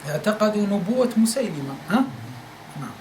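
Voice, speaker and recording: An Algerian male teacher lectures in a study circle room, his voice high-pitched, sing-song and brisk. He repeats his points and checks whether listeners are following. The recording has room echo and faint noise.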